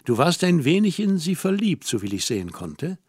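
A man's voice: on the high side, big pitch swings, normal speed, a little mellow, slightly rough, no echo, clean studio sound. A man reading as a teasing worldly young woman. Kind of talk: audiobook character reading.

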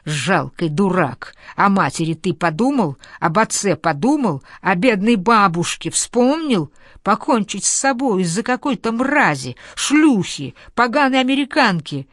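A woman voicing a domineering, furious general's wife with a low booming voice, in a dry recording. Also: expressive, measured pace, no room sound, natural voice. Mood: raging. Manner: low booming voice, raging and scornful.

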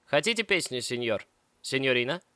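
A man voicing a cheerful, eager male Venetian gondolier who talks in a bright, hurried way. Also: medium pitch, sing-song, dry recording, studio quality, pitched above the performer's own voice.

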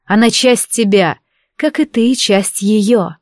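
A woman's voice: mid-range voice, takes it slowly, darkish tone, no echo, studio quality, lightly acted. A proud, mocking goddess, as a woman reads her. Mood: stern. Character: fiery red-haired goddess, proud and mocking. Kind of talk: audiobook narration.

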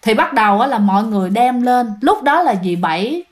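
A woman's voice: on the high side, very animated, brisk. A woman telling ghost stories in a casual, chatty way, often turning to speak to her listeners. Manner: chatty, addresses listeners directly, many fillers. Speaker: ghost story narrator. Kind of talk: casual spoken storytelling.

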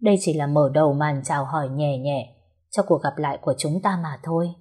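A woman voicing a cold, calm, vengeful young woman who speaks in a quiet, measured way in an audio story. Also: low voice, slightly rough.

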